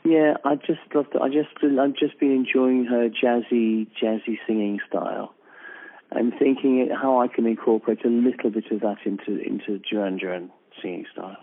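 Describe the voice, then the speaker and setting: A man's voice: medium pitch, steady tone, normal speed. Chatty male singer on a tinny line. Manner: rambling, restarts, breaks into soft song. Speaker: singer, guest. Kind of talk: casual chat. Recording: tinny phone-line sound.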